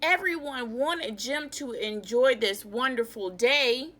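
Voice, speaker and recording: A woman teacher giving a children's read-aloud lesson in an expressive, instructive way. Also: a little high, slow, slight background noise. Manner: expressive, instructive, asks questions of pupils.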